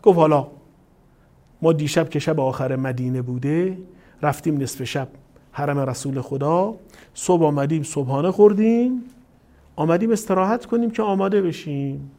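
A male cleric delivering a sermon, telling a dream story and acting out the people in it. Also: on the high side. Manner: animated storytelling, voicing quoted people. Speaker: caravan cleric.

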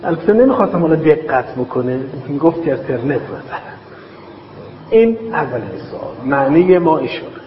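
A man teaching a logic class, dictating terms slowly and then explaining them with quick everyday examples. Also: on the high side, very animated. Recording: echoey, dull hall recording with faint hiss.

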